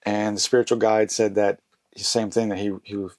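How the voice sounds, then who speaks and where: A man's voice: lowish voice, level tone, moderate pace, darkish tone, no echo. Laid-back male podcast host, dry sound. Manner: laid-back, frequent swearing. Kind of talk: casual conversational interview.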